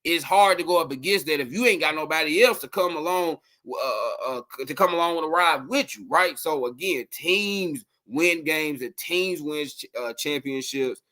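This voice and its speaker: A man hosting a casual late-night sports podcast livestream, rambling and animated, talking to his viewers. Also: fairly high pitch, moderate pace, hardly any pauses.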